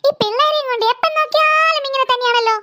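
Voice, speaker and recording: Woman voicing a fed-up scolding cartoon mother, high bright voice, sharp tongue. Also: fast. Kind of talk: cartoon voice acting.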